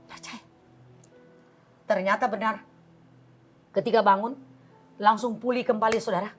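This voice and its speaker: A woman's voice: mid-range voice, fairly even intonation, normal speed, husky, soft background music. A woman pastor in her fifties with an Indonesian accent, giving an emphatic, preaching testimony on a TV talk show. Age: 50s. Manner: fervent, emphatic preaching, addresses listeners as saudara.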